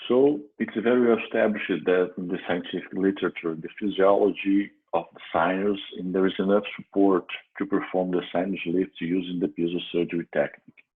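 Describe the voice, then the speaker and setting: A man from Brazil with a Brazilian Portuguese accent gives a clinical lecture as a dental surgeon, often restarting and pausing mid-phrase. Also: sits low, slightly rough. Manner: halting, frequent restarts and fillers. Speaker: dental surgeon presenting a case. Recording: tinny phone-like audio.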